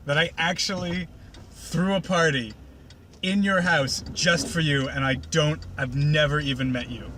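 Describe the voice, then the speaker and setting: A bubbly cartoon party pony mare gushes in a high voice, as a man puts her on. The voice is bright and eager. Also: measured pace, a little hiss or hum. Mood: gushing.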